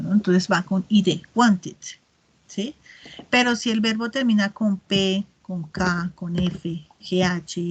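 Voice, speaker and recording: A woman teaching an online English class, explaining patiently, checking often that students follow, and saying example words slowly twice over. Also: medium pitch. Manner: models words slowly and repeats them.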